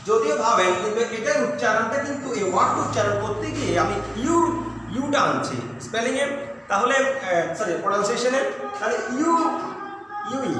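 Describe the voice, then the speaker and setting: A man from Bangladesh with a high voice teaches an English grammar lesson, patiently repeating words and checking that his students follow. He is picked up from a distance in a strongly echoing room, with a long reverb tail and faint background ambience. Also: noisy background. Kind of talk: recorded classroom lesson. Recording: echoey room, mic far off.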